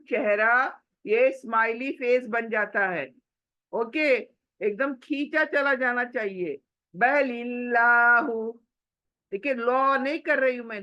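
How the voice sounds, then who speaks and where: A woman teaching Quran recitation, patiently explaining and repeating each word slowly so learners can follow along. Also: on the high side, sharp tone, highs cut off. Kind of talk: spoken lesson with slow recited examples.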